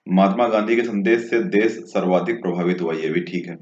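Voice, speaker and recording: A man's voice: deep voice, a little fast, darkish tone. A man working through exam questions as a tutor, going step by step and often checking in with a short "okay". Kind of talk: exam answer walkthrough. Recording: dull, echoey room sound.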